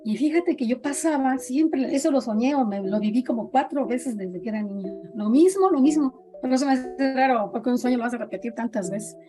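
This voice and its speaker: A woman's voice: high voice, expressive, fairly quick, hardly any pauses, over music. A middle-aged woman with a Mexican accent, telling her own eerie experiences in a casual chat and acting out the voices she quotes. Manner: dramatic storyteller, acts out quoted voices. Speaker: podcast guest sharing experiences.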